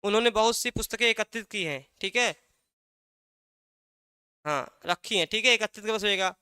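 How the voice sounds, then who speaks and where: Speaking at a moderate pace, the teacher has a mid-range voice that is pushed and bright while staying smooth. It's an exam-prep language lesson in echo-free studio quality, built on asking and answering a question and returning again and again to key words.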